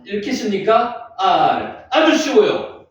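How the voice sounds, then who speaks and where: A man's voice: high voice, very animated, slow pace. A man teaching a Bible class, drilling his students with repeated questions. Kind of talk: classroom lecture. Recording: echoey room, distant lo-fi mic.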